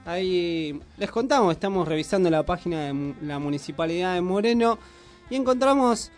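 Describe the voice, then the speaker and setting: A high-voiced man chats loosely on community radio, cracking jokes with his co-hosts. Faint music plays underneath. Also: animated, brisk, darkish tone. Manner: chatty, joking. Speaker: radio host. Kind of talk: casual radio chat.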